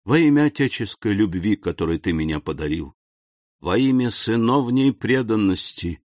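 A man voicing a grave, noble middle-aged count, calm and measured in an audiobook reading. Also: lowish voice, no echo, close to an everyday voice. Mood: solemn.

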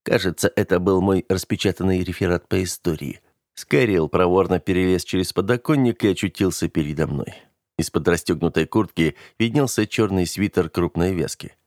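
A man narrating a first-person audiobook in a measured, even storytelling manner. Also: low voice, no room sound, clean studio sound.

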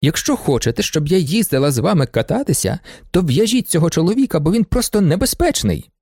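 A man voicing a lively young widow who teases and orders her companions about, in an audiobook. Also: on the high side, brisk, dry recording, clean studio sound, voice pushed up. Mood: mock alarm. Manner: teasing, commanding.

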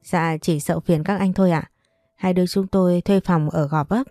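A woman voicing a bold, lively young woman who talks quickly and eagerly. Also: fairly low pitch, dry recording, studio quality, faint music behind, natural voice.

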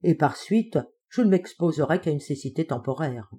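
A man's voice: fairly high pitch, animated, normal speed, mellow, husky. A woman reading a small, plump chemist who speaks in a curt, resolute and peremptory way. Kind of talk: audiobook character reading.

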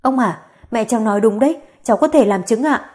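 A woman's voice: on the high side, a little fast, darkish tone, lightly acted. A woman voicing an anxious young daughter pleading for her mother in a spoken story.

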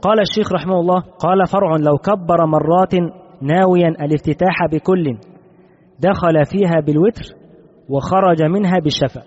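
A man's voice: fairly high pitch, a little fast, darkish tone. A man teaching a religious text. He reads each passage aloud, then explains it, repeats key phrases, and puts questions to his class. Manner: questions the class and praises answers. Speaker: Islamic jurisprudence teacher. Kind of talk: religious text commentary lesson. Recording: muffled recording in a reverberant hall.

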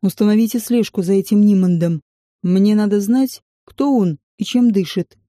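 A woman's voice: mid-range voice, moderate pace, mellow, no room sound, studio quality, natural voice. A woman reading the lines of a commanding male werewolf clan head in an audiobook, giving curt, clipped orders.

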